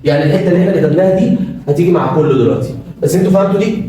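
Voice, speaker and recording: A man's voice: sits high, very fast, warm tone. A man with an Egyptian Arabic accent teaching an English grammar class, explaining step by step and asking the students rhetorical questions. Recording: very echoey room, voice from far off, faint noise.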